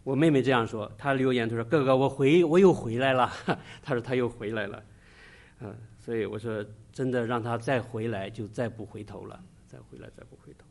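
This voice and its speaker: A middle-aged man giving a church sermon with personal testimony, speaking in an earnest, halting way with frequent pauses mid-sentence. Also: mid-range voice, fairly even intonation, vocal fry. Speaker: church preacher.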